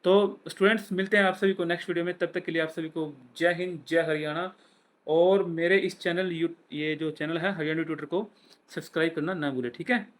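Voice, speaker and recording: A man's voice: fairly high pitch, steady tone, fairly quick. A man with a Haryanvi accent running a quiz-style exam revision lesson, repeating each answer and adding a filler after every point. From Haryana, India. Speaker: exam-prep tutor.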